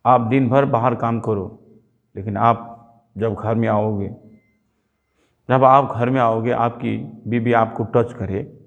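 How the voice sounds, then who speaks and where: A man's voice: medium pitch, slow pace, long pauses, lo-fi sound. A man from Nepal, a native Nepali speaker, preaching a sermon and telling a childhood story, acting out the dialogue. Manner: animated storytelling, acts out quoted dialogue.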